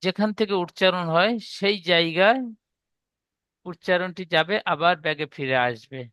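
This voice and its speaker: Bengali guy teaching quran reading, bit high clear voice, goes over rules again and again. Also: normal speed, sharp tone, dry recording, studio quality. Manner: explains step by step, has students repeat the rules aloud. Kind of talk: slow recitation lesson with repetition.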